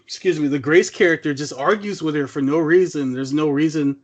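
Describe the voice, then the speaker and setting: Animated male podcast co-host, slightly high. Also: brisk. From Trinidad. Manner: animated, acts out scenes in mock voices. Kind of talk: casual movie review chat.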